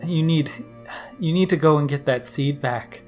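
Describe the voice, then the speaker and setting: A frail old female sylph elder, as a man puts her on, speaking weakly and haltingly. The sound is thin, like a phone line. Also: a little high, soft background music, close to an everyday voice. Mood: fading. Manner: weak, faltering speech. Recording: tinny phone-like call audio.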